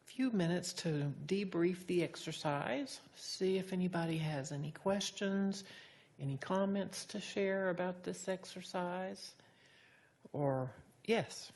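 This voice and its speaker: Female meditation instructor, low register, guiding a group debrief with reflective, tentative wording. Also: slow, darkish tone. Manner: hesitant, reflective, echoes back what participants say. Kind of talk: informal group class discussion.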